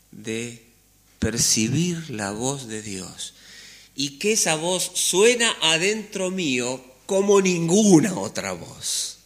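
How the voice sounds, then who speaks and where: A man's voice: a little high, a bit bright. A man with a Rioplatense Spanish accent preaching a conversational sermon in a church, checking in with listeners and sometimes dropping almost to a whisper. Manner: conversational preaching with frequent "¿eh?" checks, sudden drops to near-whisper. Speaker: pastor.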